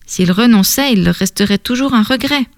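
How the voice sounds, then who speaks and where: Calm woman reading a story. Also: a little high, a little fast, no echo, clean studio sound. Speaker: narrator. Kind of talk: scripted storybook narration.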